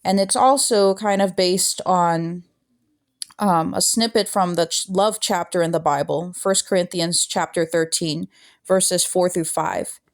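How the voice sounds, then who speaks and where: Soft-spoken young woman with a twang. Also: lowish voice, measured pace. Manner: soft-spoken, relaxed, with fillers like "kinda" and "like". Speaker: art channel host. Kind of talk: casual voice-over with poetry reading.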